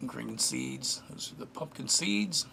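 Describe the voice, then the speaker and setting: A man casually narrating a food taste test, relaxed and chatty, often pausing with fillers as he eats. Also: mid-range voice, vocal fry, slight background noise. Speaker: food reviewer.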